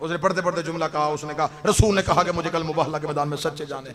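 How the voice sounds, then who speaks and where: A man giving a religious sermon to a gathering, moving from quiet recitation to loud, impassioned, near-sung peaks. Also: fairly high pitch, steady tone, fast. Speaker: Shia cleric giving a majlis. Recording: crowd audible behind the voice. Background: crowd reacting, cheering.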